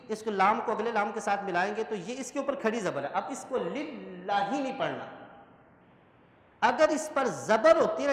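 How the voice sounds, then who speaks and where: A man teaching Quran pronunciation in a lesson, his voice carrying through a big hall with a long, ringing echo. He drags out each syllable slowly and checks often that the class has understood. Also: high-pitched. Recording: echoey hall.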